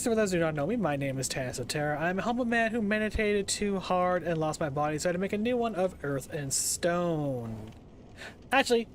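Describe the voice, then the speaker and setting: A man's voice: on the high side, slight background noise. A man chatting casually on a live gaming stream as its host, playful and jokey with theatrical greetings. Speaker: variety gaming streamer and VTuber.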